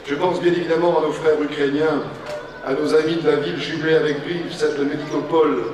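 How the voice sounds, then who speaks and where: A man giving a solemn, declamatory rally-style ceremonial speech as a public official, in short measured phrases. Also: a little high, level tone, noisy background. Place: public commemoration ceremony with audience. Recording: echoey public address, distant mic, crowd.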